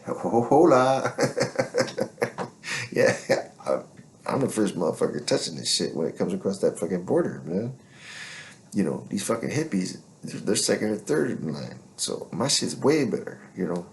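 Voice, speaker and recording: A man's voice: low-pitched, sing-song, moderate pace, creaky. A man telling stories in a casual monologue, swaggering and profane, rambling with constant fillers.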